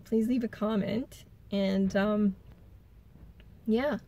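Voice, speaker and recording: A woman's voice: mid-range voice, steady tone, slow pace, dark tone. A woman recapping a reality show in a casual, blunt, catty rant, full of filler words. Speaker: TV recap vlogger.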